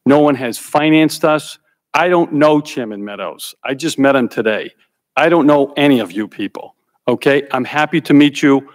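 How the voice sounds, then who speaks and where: A man testifying at a congressional hearing, speaking deliberately and stressing key points by repeating them. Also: mid-range voice. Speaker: hearing witness. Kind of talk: prepared testimony.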